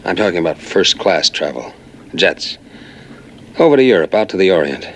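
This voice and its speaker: TV drama villain: predatory smooth-talking man, swooping insinuating delivery, faint noise behind. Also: deep voice, sing-song, normal speed. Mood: coaxing, sly. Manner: coaxing, insinuating. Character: smooth-talking, predatory male porn recruiter.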